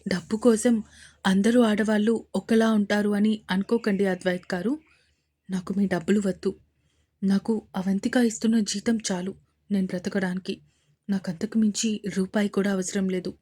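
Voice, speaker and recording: A woman voicing a gentle young wife who answers softly and earnestly, close to tears. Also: on the high side, fairly even intonation, normal speed, pauses often, lightly acted. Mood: earnest, hurt. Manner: soft, earnest, tearful.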